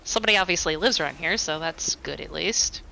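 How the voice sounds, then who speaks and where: A woman's voice: sits low, a little fast, vocal fry, bright, forceful tone, slight background noise, poor audio. A woman playing a tabletop game, chatty and eager, with a laugh now and then. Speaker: player. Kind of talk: casual tabletop play.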